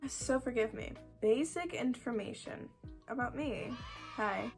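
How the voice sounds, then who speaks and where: A 21-year-old woman with a croaky voice, chatting casually to camera in a rambling, self-deprecating way with dramatic emphasis. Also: on the high side, lively intonation, unhurried, loud music behind the voice. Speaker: video creator answering follower questions.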